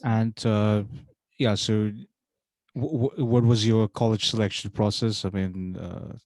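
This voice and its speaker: A man's voice: lowish voice, fairly even intonation, a little slow, a little mellow. A man hosting a casual interview podcast, speaking hesitantly with many filler sounds between words. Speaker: podcast host. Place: university setting.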